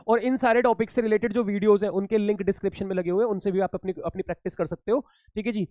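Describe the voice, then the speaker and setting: A man's voice: sits high, fairly even intonation, very fast, a little mellow, no echo, dull audio. A man teaching commerce students in a casual exam-tips lesson, chatty and reassuring, calling them beta.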